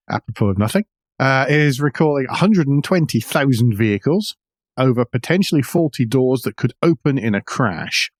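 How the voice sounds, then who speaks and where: A man with a fairly low voice co-hosts a motoring news podcast, heard in clean studio sound with no room sound. The discussion is conversational and partly read out, as he mixes news items with wry asides.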